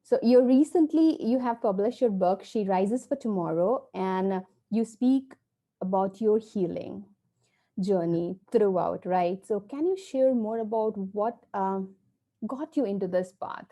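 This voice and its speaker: Encouraging woman podcast host, mellow tone. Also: medium pitch, a little slow. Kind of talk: interview hosting.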